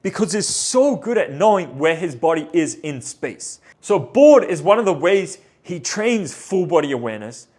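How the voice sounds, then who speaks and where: A man explaining pitching training drills in an instructional voice-over, often checking in with "right?" and "okay?". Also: sing-song, normal speed, hardly any pauses, darkish tone. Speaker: pitching coach and channel host.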